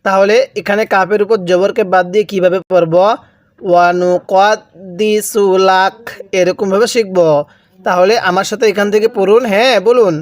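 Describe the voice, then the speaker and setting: A man teaching Quran reading in Bengali with a Bangladeshi accent, spelling out words slowly and asking and answering his own questions. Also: high voice, fairly even intonation. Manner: drills syllable by syllable, asks and answers own questions. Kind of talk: slow spelled-out recitation lesson.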